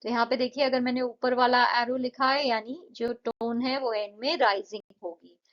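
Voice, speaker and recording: A woman's voice: on the high side, steady tone, normal speed. A woman teacher explaining exam answers step by step, patient, mixing Hindi and English. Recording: dull lo-fi audio.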